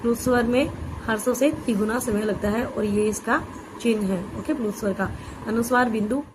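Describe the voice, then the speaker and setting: A woman teaching an exam-prep grammar lesson, explaining patiently, saying "okay" often and spelling out letters slowly. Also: fairly high pitch, steady tone, background noise.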